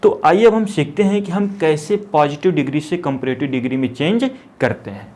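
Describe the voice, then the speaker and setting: A man teaching English grammar as a classroom lesson. He spells out each word slowly and keeps asking whether it is clear. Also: on the high side, lively intonation, a little mellow. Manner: checks understanding often.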